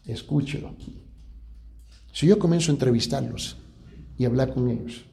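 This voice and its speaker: A man, a pastor, preaching a testimony story, sometimes dropping to a hushed voice. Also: medium pitch, normal speed, creaky. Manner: drops to a hushed voice at grave moments. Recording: echoey room.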